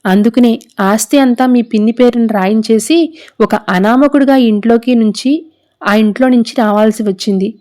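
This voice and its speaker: A woman's voice: fairly high pitch, fairly even intonation, moderate pace, warm tone, close to an everyday voice. A woman reading the lines of a remorseful middle-aged father in a serial recap, in an earnest, sorrowful pleading manner.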